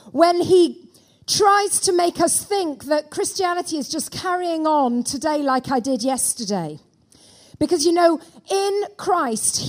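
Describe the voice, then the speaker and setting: A woman's voice: sits high, darkish tone. A woman preacher speaking into a pulpit microphone in a church, delivering a sermon and calling out for amens from the congregation.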